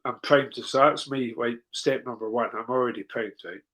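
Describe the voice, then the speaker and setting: A middle-aged man speaking as a guest, telling long anecdotes in a loose, chatty flow. His voice sits at an ordinary pitch but leaps sharply upward when he gets excited, then settles back into calm, measured asides. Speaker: guest on a cue sports talk show. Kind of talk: conversational storytelling.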